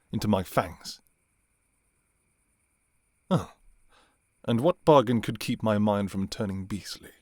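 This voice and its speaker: A man playing a courtly, restrained vampire king in an intimate ASMR role-play, speaking formally and softly with some hesitation. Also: fairly low pitch, husky, dry recording, studio quality. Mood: torn, yearning. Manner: formal, archaic, hesitant, soft-spoken. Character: courtly adult male vampire king, restrained, yearning for his enemy.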